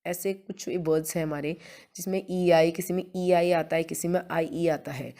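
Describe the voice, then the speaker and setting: A woman's voice: lowish voice, steady tone, moderate pace, dark tone. Patient woman teacher spelling words aloud. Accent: Hindi-accented English. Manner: addresses pupils fondly as beta, often checks with "theek hai na". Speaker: school teacher. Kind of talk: spelling lesson for young children.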